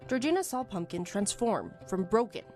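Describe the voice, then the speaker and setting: Woman, news reporter, scripted narration, animated lilting pitch, music underneath. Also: moderate pace. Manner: lively, expressive storytelling delivery. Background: background music.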